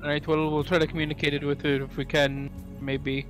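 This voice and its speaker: Higher-pitched man, halting tabletop player. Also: little pitch movement, over music, rough recording. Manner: halting, hesitant. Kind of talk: casual in-character role-play.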